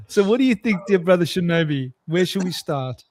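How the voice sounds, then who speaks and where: A man's voice: high-pitched, a little mellow. A man co-hosting a casual podcast, rambling and joking with frequent laughs and restarts. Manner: rambling, jokey, laughs often, many restarts. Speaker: podcast co-host. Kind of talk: casual conversational podcast chat.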